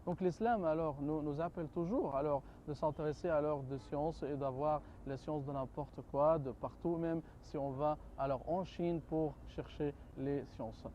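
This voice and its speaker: Hesitant man, mellow voice. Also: a little high, moderate pace, hardly any pauses, highs cut off, slight background noise. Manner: hesitant, searching for French words, repeats "alors". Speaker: guest scholar of comparative religion. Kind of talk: studio talk show answers.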